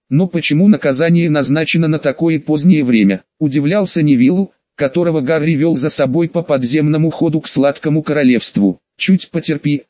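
A man's voice: on the high side, no echo, muffled recording. A man reading an audiobook aloud as narrator, voicing the characters' lines in his own reading voice. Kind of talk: scripted narration.

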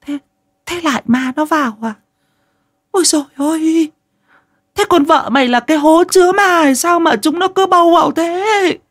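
A man voicing a fussy, exasperated old village woman who scolds in shrill exclamations. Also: normal speed, a bit bright. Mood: scolding.

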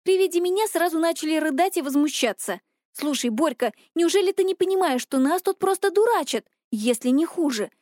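A woman voicing a stubborn, sharp-tongued teenage girl who speaks insistently. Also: very high-pitched, expressive, brisk, no echo, clean studio sound, voice pushed up.

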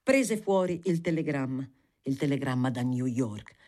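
An audiobook reader narrating a literary novel in an expressive, theatrical way. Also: medium pitch, normal speed. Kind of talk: scripted reading of a novel.

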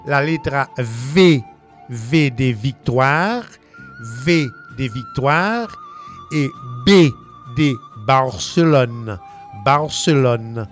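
French-native male teacher, slow and deliberate, fairly high voice, letter-by-letter drills, faint music bed. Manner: slow, repeats letters and words for pronunciation drills. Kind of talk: radio French lesson.

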